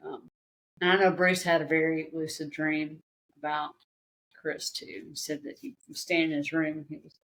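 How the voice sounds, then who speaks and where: A woman speaking as a podcast guest in a reflective conversation, often pausing and restarting as she searches for her words. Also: deep voice, little pitch movement, a bit bright, a little hiss or hum, low-quality recording.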